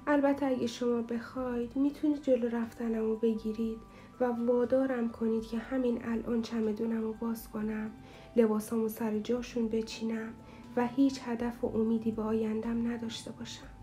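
A tender, determined young man in an audio novel comforts his mother in a gently reassuring tone, as a woman narrator plays him. The voice sits fairly high and mellow, with faint music beneath it. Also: level tone, lightly acted.

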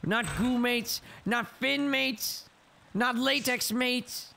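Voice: mid-range voice, fairly even intonation, slow pace, creaky, sharp tone, a little hiss or hum. A let's play gamer commenting on a video game, reading the on-screen text aloud and breaking into panicked shrieks and laughter. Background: game music.

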